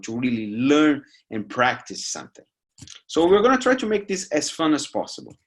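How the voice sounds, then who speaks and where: Teaching an online course through a recorded slide lecture, a man in his forties from Brazil, whose first language is Portuguese, speaks at medium pitch. The webcam video-call framing captures his lively delivery, with emphatic rising asides and lines often ending in "right?".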